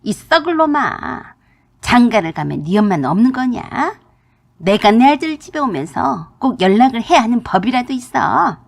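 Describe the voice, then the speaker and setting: A woman's voice: a little high, big pitch swings, normal speed, slightly rough, exaggerated voice. A woman voicing a furious older mother-in-law who scolds in rustic dialect turns, in a radio drama reading. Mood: scolding.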